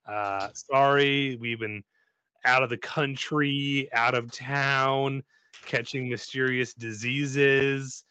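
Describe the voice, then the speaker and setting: A man's voice: mid-range voice, fairly even intonation, slow pace, bright, forceful tone, a little hiss or hum. Jokey male podcast host. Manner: jokey, apologetic, showman-style introductions. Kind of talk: casual podcast chat.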